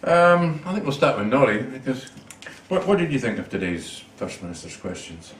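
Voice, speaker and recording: A man's voice: mid-range voice, very animated, normal speed, recorded from a distance. A chatty man hosts a casual panel discussion, steering his guests back on topic. He sounds a little way off the mic in a roomy space. There is a faint hiss under his voice. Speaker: host of a political review panel.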